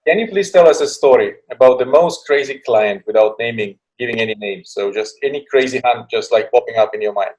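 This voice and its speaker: A man's voice: medium pitch, a little fast, hardly any pauses, darkish tone, poor audio. A man acting as interviewer, asking questions in a loose, casual way.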